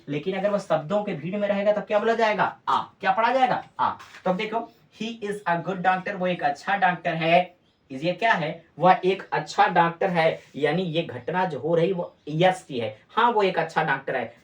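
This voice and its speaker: Woman teacher, lowish voice, quizzes and repeats, recorded a bit off-mic. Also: moderate pace, far from the mic. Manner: asks questions and answers them herself, repeating key words; scolds the students with mock impatience. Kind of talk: classroom-style grammar lesson.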